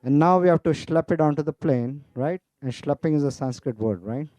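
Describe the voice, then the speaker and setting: A man's voice: fairly high pitch, a little fast, dark tone, dry recording. A man teaching spirituality in a casual festival talk, telling humorous stories, weaving in Sanskrit terms and asking "right?" often. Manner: chatty, frequent "you know" and "right?".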